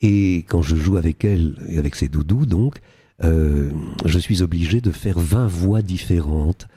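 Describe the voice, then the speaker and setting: A man's voice: sits low, unhurried, warm tone, slight background noise. An older man, an actor being interviewed on radio, talking animatedly and slipping into character voices now and then. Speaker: guest actor.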